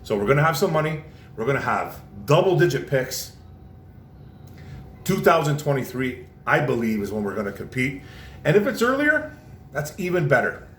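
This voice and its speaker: A man's voice: expressive, normal speed, a bit bright. Passionate man ranting in an echoey room. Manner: passionate, repetitive, says "man" often. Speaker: vlogger. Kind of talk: casual sports rant. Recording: roomy echo, faint low rumble.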